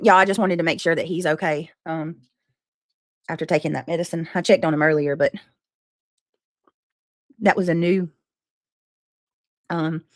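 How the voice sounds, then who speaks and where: A woman in her 40s hosts a casual livestream, reading comments aloud in a chatty, teasing way and chewing while she talks. Her voice is lowish, picked up on a dry, close mic with no echo.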